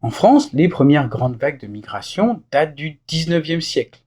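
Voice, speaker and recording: A man delivers a scripted French lesson, carefully explaining words and reading example sentences. His voice is a little husky. His pitch rises and falls with lively movement. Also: moderate pace. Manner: clear, didactic explanation with example phrases. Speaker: French teacher.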